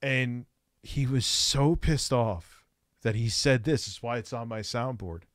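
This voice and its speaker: A man talks over clips in a live stream, swearing freely and laughing as he mocks what he sees. His voice sits at an ordinary pitch and sounds close and dry, with almost no room sound. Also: unhurried, fairly bright tone, no room sound. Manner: profane, mocking, laughs often. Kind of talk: casual reaction commentary.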